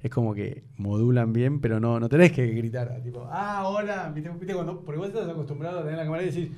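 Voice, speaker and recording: A male host with a Rioplatense accent talks loosely and casually at a studio microphone. His pitch sits in the middle range for a man. He explains things in a chatty, informal way. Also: fast talker, darkish tone. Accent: Rioplatense Spanish. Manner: chatty, coaching the guest on mic technique. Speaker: interviewer and host. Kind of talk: casual interview chat.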